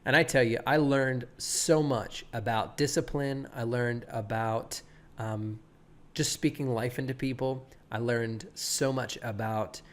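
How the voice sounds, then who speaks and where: A man in his thirties, a pastor and guest, telling stories in an animated way, with a laid-back surfer-like voice, often acting out what people said. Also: medium pitch, measured pace. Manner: animated, quotes people, many restarts. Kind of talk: casual storytelling interview.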